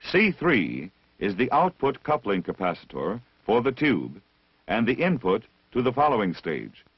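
In a slightly low, somewhat husky and animated voice, a man narrates an old instructional film, measured and didactic, enunciating each word with care. The vintage soundtrack has no echo but is narrow and band-limited, leaving it dull.

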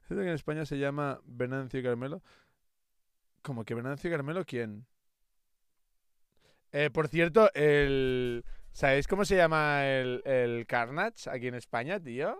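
A young man with an accent from Spain, chatting excitedly on a livestream, swearing freely and tossing playful insults at friends. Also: medium pitch, measured pace, pauses often, clear, resonant tone, dry recording, studio quality. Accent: Spain Spanish. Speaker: streamer. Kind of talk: casual livestream chat reacting to fan art.

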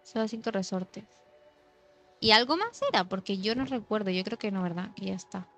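A woman's voice: mid-range voice, lively intonation, normal speed. A young woman from chatting casually and muttering to herself while playing a game as a streamer. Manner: chatty, muttering, drops to mock ASMR hush. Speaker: gaming streamer. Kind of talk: casual gameplay chat. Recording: slightly dull sound, faint music.

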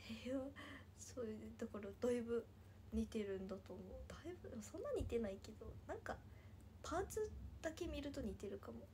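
Young woman with a Nagasaki accent, high-ish voice, chatty idol livestreamer, giggly, slips into whispers. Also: animated, brisk, dark tone, a little hiss or hum. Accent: Nagasaki Japanese. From Nagasaki, Japan. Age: 20s. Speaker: idol livestreamer reading viewer comments. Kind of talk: casual livestream chat.

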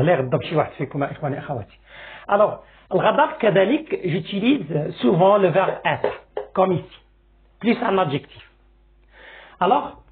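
A man with a Moroccan accent teaching a French lesson, explaining slowly and repeating examples, often checking that his listeners follow. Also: on the high side. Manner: slow, repetitive classroom explaining with checks like "c'est bon?". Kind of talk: language lesson. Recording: tinny phone-like sound.

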